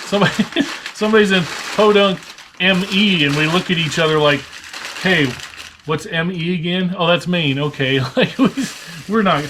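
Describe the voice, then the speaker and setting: A Nebraska vlog host who resells online talks in a high, slightly bright voice at a moderate pace, with an American Midwestern accent. Sorting and pricing items, he chats casually, jokes and thinks aloud. The room is noisy, with clicks audible.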